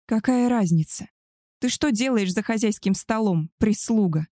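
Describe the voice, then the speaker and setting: A woman's voice: medium pitch, moderate pace, dark tone, no echo, clean studio sound, natural voice. A woman voicing an arrogant, spoiled young she-wolf woman who talks down to others in a haughty, contemptuous way. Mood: indignant shouting. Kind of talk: audiobook character voice.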